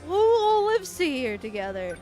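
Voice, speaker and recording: High voiced girl streamer chatting over a game, crude and irreverent, bit of music behind. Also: big pitch swings, measured pace, mellow. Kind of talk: casual gameplay commentary.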